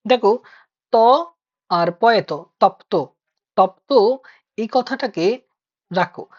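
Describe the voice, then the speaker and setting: A woman teacher leads an online class, patiently working through each point and putting questions to her students. Her voice sits at a middling pitch. The audio is dull and lo-fi, as on a video call. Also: takes it slowly. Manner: patient, explains step by step, asks students questions. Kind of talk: online Bengali grammar class.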